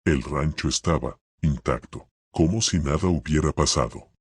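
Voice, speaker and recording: A man narrating a scary story in a slow, measured way. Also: a bass voice, husky, dry recording, studio quality. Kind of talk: scripted horror narration.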